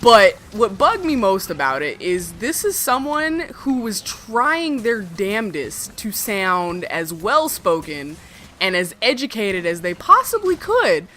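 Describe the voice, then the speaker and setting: A woman co-hosting a casual livestream chat, ranting in a profane, animated way. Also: medium pitch, takes it slowly, slight background noise. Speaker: streamer co-host.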